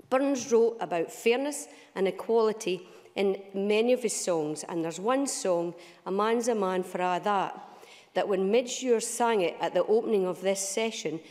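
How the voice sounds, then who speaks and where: Long chamber reverb surrounds a Scottish woman parliamentarian as she makes a formal speech full of Scots words. She has a mid-range, darkish-toned voice and speaks in a large debating chamber.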